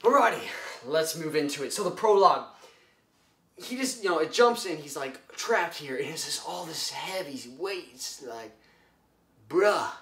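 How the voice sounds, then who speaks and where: A man's voice: a little high, moderate pace. A young man talking casually about a book he loves, rambling with lots of fillers and acting out quotes. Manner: excitable, rambling, full of fillers, acts out quotes. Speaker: book vlogger. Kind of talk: casual book review vlog. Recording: echoey room.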